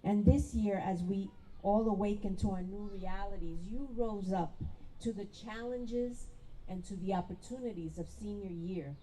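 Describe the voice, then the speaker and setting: A woman's voice: mid-range voice, moderate pace, warm tone, slight background noise, low-quality recording. A woman school principal giving a heartfelt, emotional graduation speech into a podium microphone. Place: graduation ceremony.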